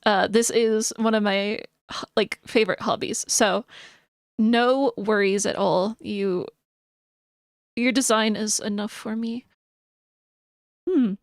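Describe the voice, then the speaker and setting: A female VTuber chats casually on a live stream, thinking out loud while reading through her notes and sometimes mumbling. Her voice is medium-pitched, and the studio-quality audio has no echo.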